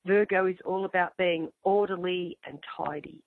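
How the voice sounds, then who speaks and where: A woman with a croaky voice, hoarse from a flu, hosting an astrology talk and chatting informally to her listeners. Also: on the low side, steady tone, normal speed, dry recording. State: getting over flu. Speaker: host and astrologer. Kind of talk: astrology show monologue, casual address to listeners. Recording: thin, phone-like line.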